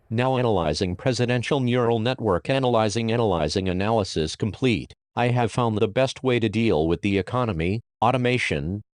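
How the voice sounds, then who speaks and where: A smug machine candidate voiced by a man drones out insults and analysis in a flat, robotic monotone. The voice sits low and the sound is dry and close, with no room around it. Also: no room sound, close to an everyday voice. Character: cold, arrogant male AI candidate. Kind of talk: comedy skit acting.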